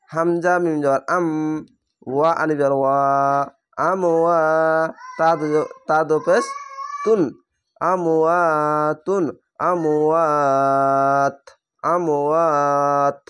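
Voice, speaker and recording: A man teaching Quran reading, patiently spelling out each word letter by letter and slowly stretching the recited syllables. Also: on the high side, slight background noise. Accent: Bangladeshi Bengali. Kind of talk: step-by-step spelling lesson.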